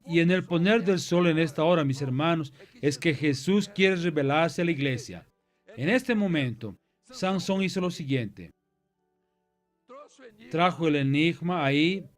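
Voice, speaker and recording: A man's voice: a little high, a little slow, soft background music. A man preaching a sermon to a Bible class. He retells the story with many repetitions and restarts. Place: church.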